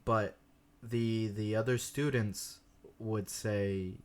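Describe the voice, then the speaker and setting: Laid-back guy on a podcast, talks slow, flips english and spanish mid sentence, laughs a lot. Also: fairly low pitch, fairly even intonation, a little mellow. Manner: laughs often while telling stories. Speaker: podcast co-host, language learner. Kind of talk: casual bilingual chat.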